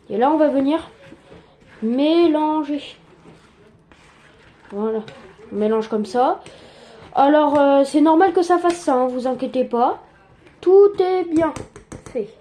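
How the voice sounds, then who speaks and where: A young woman giving a casual cooking tutorial in her home kitchen, chatty and quick to joke about herself. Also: high-pitched, darkish tone. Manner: chatty, joking, self-mocking asides.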